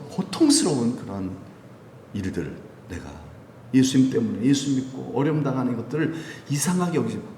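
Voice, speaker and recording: Animated pastor in an echoey church. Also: male voice, medium pitch. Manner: animated preaching, acting out quoted voices, chuckling often. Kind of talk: sermon at a Friday prayer meeting. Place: church sanctuary. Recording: echoey hall, light background hiss.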